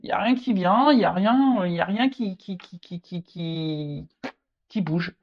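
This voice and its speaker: Halting woman giving a tarot reading. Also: fairly low pitch. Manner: halting, repeats words, many fillers; speaks directly to the viewer. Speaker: tarot reader. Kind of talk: casual tarot reading to camera. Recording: slightly dull lo-fi audio.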